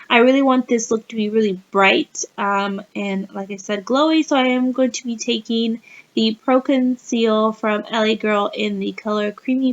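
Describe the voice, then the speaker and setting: A woman with a sick-sounding voice, chatting through a casual makeup tutorial as a beauty vlogger and laughing often mid-sentence. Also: mid-range voice. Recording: dull, slightly muffled lo-fi recording.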